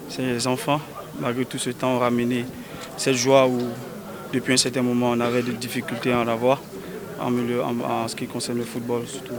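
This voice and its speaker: A man gives an overjoyed, quick-fire interview outdoors. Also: medium pitch. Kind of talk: press interview.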